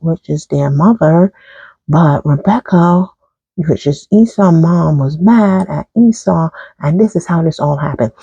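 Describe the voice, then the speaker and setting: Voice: medium pitch, gravelly, mellow, husky, no echo. A chaplain retelling a Bible story in a chatty, rambling way, with chuckles and side remarks, on a dull lo-fi recording. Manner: chatty, digressive, with chuckles and asides.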